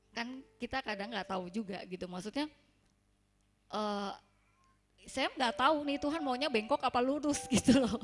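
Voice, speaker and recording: A young woman giving a personal testimony to a congregation, telling her story in a chatty way and acting out the dialogue she quotes. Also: sits high. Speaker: church member giving a testimony.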